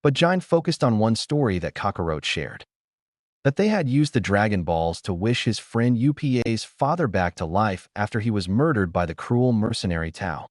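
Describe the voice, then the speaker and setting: A man narrating a fan story in an expressive storybook style. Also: lowish voice, dry recording, clean studio sound.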